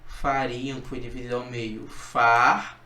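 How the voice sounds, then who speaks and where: A man's voice: a little high, measured pace, fairly bright tone. A male teacher giving a recorded grammar lesson, explaining rules step by step and repeating key points. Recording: echoey room, voice from a distance.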